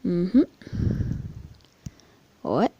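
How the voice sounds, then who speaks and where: Mellow-voiced woman rambling over a game. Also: fairly low pitch, sing-song, very slow, muffled recording, slight background noise. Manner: crude, rambling, chatty with muttered asides. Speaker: mobile game vlogger. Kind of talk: casual screen-recording commentary.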